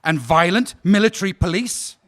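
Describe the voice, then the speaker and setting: In an audio drama, a man plays a prosecuting officer at a war crimes trial, cross-examining a witness in a probing, sarcastic, formal way with a cold mood. His voice sits high and a bit bright, with lively intonation at a moderate pace.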